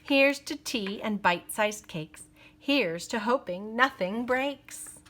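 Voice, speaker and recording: With a voice that sits a little high, a woman reads a picture book for kids in a careful, expressive storytelling style.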